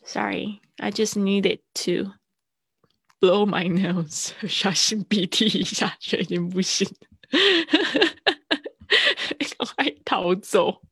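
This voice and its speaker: A woman teaching English vocabulary on a livestream, mixing English words into chatty Chinese explanations and slowly drilling pronunciation. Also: mid-range voice, lively intonation, fairly bright tone, slightly rough, no room sound, studio quality. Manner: laughs easily, drawn-out word drills.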